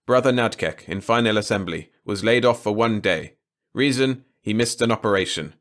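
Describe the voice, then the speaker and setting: Man reading as a humorless insect alien official, droning and clipped, low voice. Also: moderate pace, close to an everyday voice. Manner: droning, clicking, flat. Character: tall insect alien union boss, humorless.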